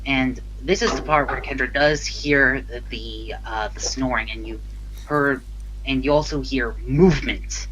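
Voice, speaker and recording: Bright-voiced man running a tabletop game. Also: medium pitch, slight background noise, low-quality recording. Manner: halting, giggly. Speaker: game master. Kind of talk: casual tabletop game narration.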